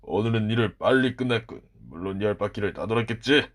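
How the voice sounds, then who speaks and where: A man voicing a huge, mean castle master in a children's storybook, speaking slowly, low and mocking. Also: close to an everyday voice. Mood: taunting.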